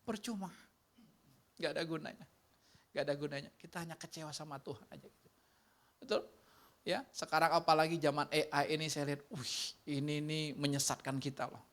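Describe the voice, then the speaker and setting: A man's voice: fairly high pitch, a little fast, long pauses. Man preaching a conversational sermon. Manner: talks directly to the congregation, shifting between animated and hushed delivery; acts out quoted complaints and prayers. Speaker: pastor.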